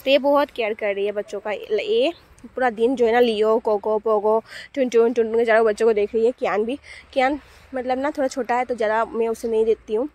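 A woman's voice: fairly high pitch, steady tone, brisk, darkish tone, dry recording. A woman in her thirties, a mother hosting a casual family vlog from home, chatting fondly and repeating words affectionately.

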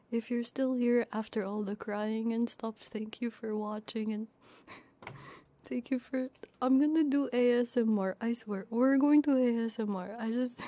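Close to a binaural ASMR mic, a fairly high-pitched woman hosts a casual livestream as an ASMR streamer and Vtuber. Tearful and crying while laughing, she gets flustered, apologizes, puts herself down, and drifts into soft whispers.

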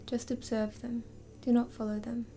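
A woman hypnotist leading a slow, soothing induction, drifting in and out of a whisper. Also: fairly high pitch, little pitch movement, mellow, faint music behind.

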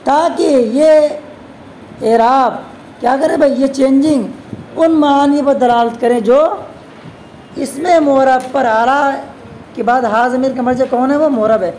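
High-voiced woman teaching, quizzing students. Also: warm tone, a little hiss or hum, poor audio. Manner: keeps posing quick questions to students and answering them; addresses students as "beta". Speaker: religious teacher. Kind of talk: classroom grammar lesson.

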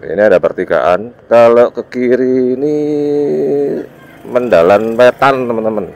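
This motovlogger's voice is mid-range and a little mellow, thickened by a cold and marked by an East Javanese accent. He speaks a little slowly in casual, loose, informal phrases while riding a motorbike through village roads, and the muffled audio picks up engine and road noise.

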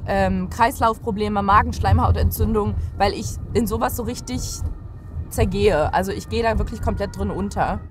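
A woman in her thirties from Berlin, a guest chatting from the back seat of a car and telling stories with lively gestures. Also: medium pitch, moderate pace, music in the background. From Berlin, Germany. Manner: animated storyteller, gestures while talking. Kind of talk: casual chat.

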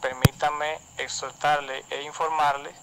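A man's voice: on the high side, flat delivery, a little slow, a bit bright, slight background noise, poor audio. A male school director with a Dominican accent, heard in a phone voice message played on air, making a stiff official announcement. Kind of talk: formal announcement.

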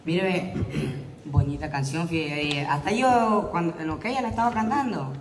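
A man's voice: fairly high pitch, normal speed, echoey room, far from the mic. A man judging a singing act with jokes and laughter.

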